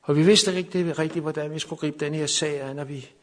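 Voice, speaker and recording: A man's voice: fairly high pitch, steady tone. Fervent Danish-speaking male preacher. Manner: unscripted, repeats words, rises to fervent preaching. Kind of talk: sermon with personal story. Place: camp meeting.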